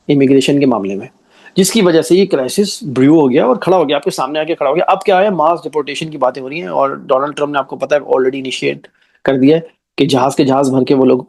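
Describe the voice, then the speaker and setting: A man with a mellow, mid-range voice delivers an explanatory commentary monologue, pressing his argument through rhetorical questions and often checking in with the listener.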